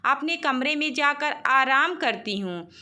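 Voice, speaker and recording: A woman playing a cheerful, gluttonous young wife from a storybook, high and bright, gushing over food. she pleads sweetly when she is scolded. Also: lively intonation, measured pace, exaggerated voice. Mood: greedy.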